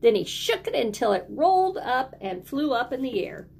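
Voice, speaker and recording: A woman with a high, very animated voice that is creaky and darkish in tone reads a picture book to young children in a teacherly style. Her phrasing is simple and deliberate, and she gets the listeners to join in by repeating words, with a little hiss or hum in the background.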